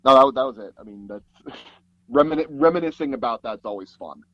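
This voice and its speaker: A sound designer and audio drama producer, interviewed as a guest, tells stories in a casual, rambling and animated way, full of "like" and repeated false starts. His voice is mid-range and his pace moderate. The recording is dry and dull, made in a small padded closet booth.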